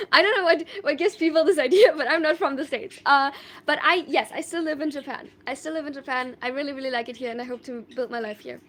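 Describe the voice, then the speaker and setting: A young woman from Germany with a high-pitched, fairly bright voice speaks fast on a casual live stream, answering viewer questions in a thoughtful, rambling way full of fillers and restarts.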